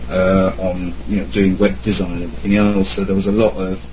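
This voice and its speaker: A man's voice: sits low, flat delivery, brisk. A man in his thirties, from Germany and raised in Italy, answering interview questions from his room at home in a rambling way, with many fillers and restarts. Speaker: podcast guest, web accessibility expert. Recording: slightly dull lo-fi audio with faint hum.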